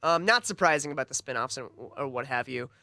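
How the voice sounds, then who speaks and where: A man co-hosting a podcast in casual chat, animated, laughing often and restarting his sentences. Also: mid-range voice, fast, gravelly, no room sound. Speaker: podcast co-host.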